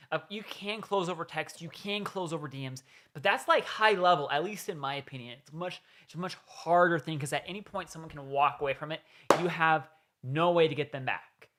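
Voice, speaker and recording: Bright-voiced man giving coaching commentary. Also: on the high side. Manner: casual coaching tone, explains step by step. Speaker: reaction video host. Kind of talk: commentary on a played clip.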